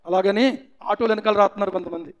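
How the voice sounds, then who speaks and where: A man preaches a sermon with fervent, rising intensity. His voice sits high, and he keeps pressing the congregation with repeated rhetorical questions. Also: steady tone, fast, muffled recording. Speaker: pastor.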